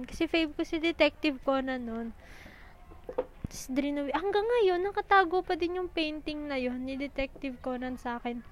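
A young woman telling school stories in a casual, chatty, animated way, a little out of breath. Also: high voice, slight background noise, rough recording. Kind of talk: casual storytelling.

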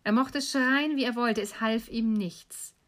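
A woman calmly and evenly reading a fairy tale aloud as a storyteller. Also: a little high, a little slow.

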